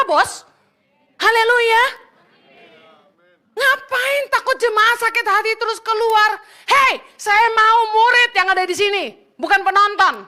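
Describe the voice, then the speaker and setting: A woman pastor preaching with a very high voice and a bright, sharp edge. She is blunt and fiery, mixes jokes with scolding, and drops into casual street slang. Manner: scolds the congregation loudly. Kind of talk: sermon.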